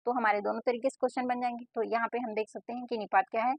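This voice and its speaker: A woman's voice: on the high side, flat delivery, very fast, gravelly, no echo. A woman teaching an exam-prep lesson in a casual spoken style, explaining step by step and answering her own questions. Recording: dry, dull lo-fi voice-over.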